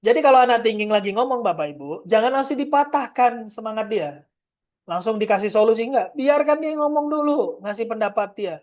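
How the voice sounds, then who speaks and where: A woman's voice: a little high, lively intonation, brisk, a little mellow. A woman giving a parenting seminar in a direct, firm manner, often turning to address the parents in the audience. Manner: acts out short parent-child exchanges. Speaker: parenting trainer. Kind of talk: seminar lecture.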